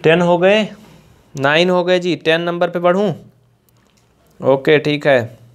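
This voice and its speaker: A man from India teaching an online maths lesson, chatty and coaxing, repeating points slowly and mixing in English textbook terms. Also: sits high.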